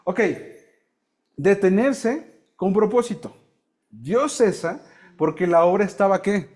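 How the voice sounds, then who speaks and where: Man, fairly high voice, teaching an interactive Bible class. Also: lively intonation, a little mellow. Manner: explains slowly, quizzes the class, jokes.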